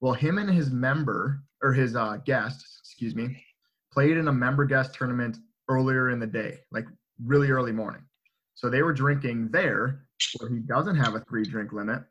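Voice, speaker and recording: Young adult man, bright tone, rambling animated storyteller. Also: medium pitch, moderate pace, slightly rough, highs cut off. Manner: animated, filler-heavy, checks in with "right?". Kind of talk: casual storytelling among friends.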